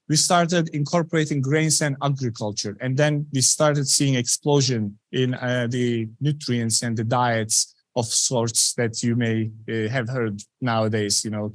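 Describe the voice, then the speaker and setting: A man in his thirties from Turkey, giving an earnest public science talk in a conversational way, filling pauses with "you know". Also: medium pitch, dry recording. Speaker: scientist presenting research.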